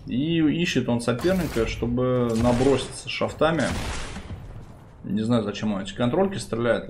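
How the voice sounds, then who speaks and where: A man giving live esports commentary in an informal way, full of gamer slang. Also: mid-range voice. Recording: clear background game noise.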